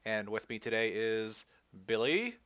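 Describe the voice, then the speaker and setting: Animated, bright-voiced podcast host man. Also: on the low side, a little slow, no echo. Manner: laughs often, swears casually. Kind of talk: casual podcast chat.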